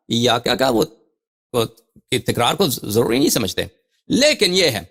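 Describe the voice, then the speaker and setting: A male religious scholar giving a lecture on scripture. He reads quoted passages slowly, then explains them with emphatic, repeated phrases. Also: mid-range voice, a bit bright. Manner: repeats and restarts phrases while thinking aloud.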